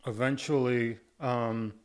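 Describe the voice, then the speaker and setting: A man with a medium-pitched, steady, clear, and resonant voice speaks slowly in a casual update to camera. Rubber bands hold his jaw restricted after surgery, making speech hard, and saliva gathers in his mouth.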